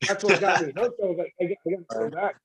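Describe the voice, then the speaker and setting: A high-pitched man talks very fast over a crowd in the background. He's an armwrestling competitor guesting on a livestream, casually recounting how he got into the sport with plenty of fillers and restarts, all in dull lo-fi stream audio.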